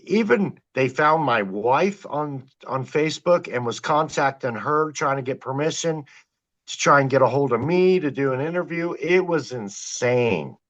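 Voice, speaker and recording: A man's voice: mid-range voice, a little slow. Storytelling man on a dull lo-fi line. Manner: excited, animated retelling with quoted exclamations. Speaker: guest, trail camera wildlife filmer. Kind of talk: storytelling in a podcast interview.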